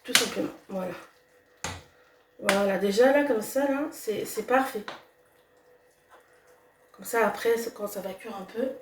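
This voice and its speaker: With a mid-range voice and a measured pace, pausing often, a young cooking vlogger with a slight cold speaks casually and hesitantly, full of fillers and restarts. The recording is very noisy and echoey, her voice distant in her home kitchen amid sizzling and stirring.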